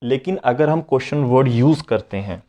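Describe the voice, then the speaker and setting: A man's voice: medium pitch, normal speed, dark tone. A man teaching a beginners' language lesson, switching between Hindi and English and repeating each point. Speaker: French teacher. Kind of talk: slow explanatory lesson.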